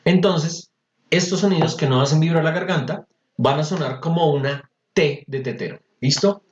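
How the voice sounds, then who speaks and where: A man's voice: a little high, normal speed. A man teaches pronunciation over a video call, patient and chatty. He repeats words to drill them. His sound is roomy and slightly dull. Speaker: English teacher. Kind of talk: online class explaining pronunciation. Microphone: computer mic on a video call.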